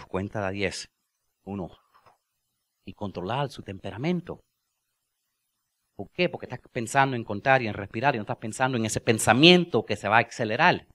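A man preaching a sermon as pastor, with joking asides, laughter and slow, drawn-out phrases for emphasis. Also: medium pitch, a bit bright. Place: church.

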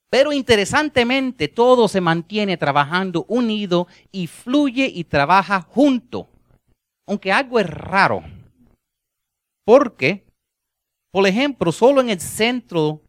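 A male preacher, a Spanish speaker, with a somewhat high and very lively voice that drops to quiet, low endings and then climbs to loud, emphatic lines. The recording is dry and close, with no room echo. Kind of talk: sermon.

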